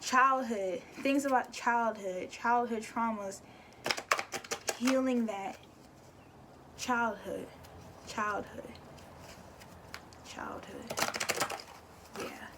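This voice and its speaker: A woman's voice: fairly high pitch, takes it slowly, long pauses, very noisy. A young woman giving a casual spiritual card reading, chatty, repeating words and swearing offhandedly. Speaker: tarot and oracle card reader.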